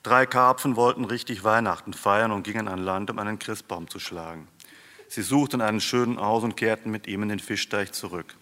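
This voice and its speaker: A man with a low voice reads a story aloud with a dry, deadpan delivery. His voice rings with a long reverb, as in a large hall. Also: a little fast. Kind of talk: storybook reading.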